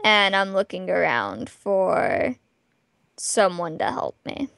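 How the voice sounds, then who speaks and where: A woman's voice: fairly low pitch, very animated, slow pace, creaky, fairly bright tone, dry recording. A woman playing in a tabletop game, narrating her character's actions in first person. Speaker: player. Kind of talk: casual tabletop play.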